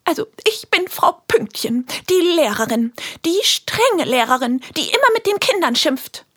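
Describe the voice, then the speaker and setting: A woman's voice: sits high, very animated, unhurried, voice pushed up. A woman voicing a little girl who pretends to be a strict, scolding schoolteacher. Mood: bossy. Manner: scolding, bossy. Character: little girl playing a strict old-fashioned teacher.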